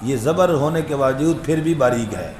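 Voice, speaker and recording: A man, teaching Quran recitation and explaining letter sounds. He talks conversationally, tells humorous anecdotes, and sings out long drawn-out demonstrations of each letter. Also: medium pitch, expressive, a little mellow. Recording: echoey room with faint background hum.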